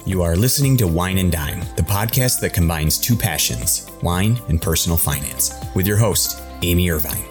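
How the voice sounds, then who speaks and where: A man with a deep voice reads a scripted podcast introduction as an announcer. Music plays clearly underneath his promotional narration. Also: expressive, moderate pace, hardly any pauses. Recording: music bed behind voice.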